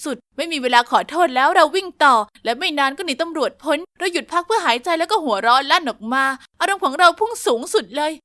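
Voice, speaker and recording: A woman narrating a first-person story, lively and confiding, speaking straight to the listener. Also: sits high.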